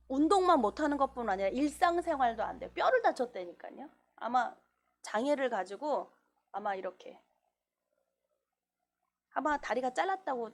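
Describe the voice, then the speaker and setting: Woman pastor, sermon delivery, lively rising and falling pitch, slightly high voice. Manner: animated preaching, acts out quoted voices. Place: church.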